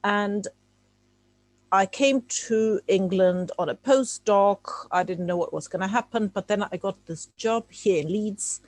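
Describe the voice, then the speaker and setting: This guest speaker, a native Czech speaker from Czechoslovakia, delivers an informal video-call talk, hesitating often and filling it with fillers and restarts. The voice is lowish and a little mellow, with no echo.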